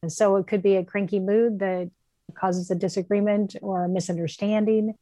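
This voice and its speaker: A woman co-hosting a casual chat, speaking in a gentle, reflective and affirming way. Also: medium pitch, fairly even intonation, moderate pace, no echo. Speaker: podcast co-host. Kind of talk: casual faith-based chat.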